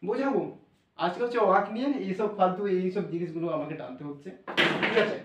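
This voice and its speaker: Bengali maths teacher guy, chatty and calming, thinks out loud, echoey classroom. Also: high-pitched, fast talker. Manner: informal, reassuring, addresses students familiarly, thinks aloud. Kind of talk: classroom lesson. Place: classroom with blackboard. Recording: roomy, voice from a distance.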